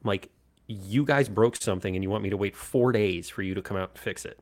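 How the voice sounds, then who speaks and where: A man chats casually as a podcast co-host. He has a lowish voice and tells an anecdote with energy, slipping into the voices of the people he quotes. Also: brisk. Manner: animated anecdote telling, acts out quoted voices. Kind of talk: casual storytelling chat.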